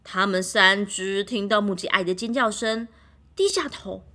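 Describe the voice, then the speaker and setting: A woman storyteller reading a children's picture book aloud, animated and speaking straight to the young listeners. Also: mid-range voice, moderate pace. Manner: animated, talks to children directly.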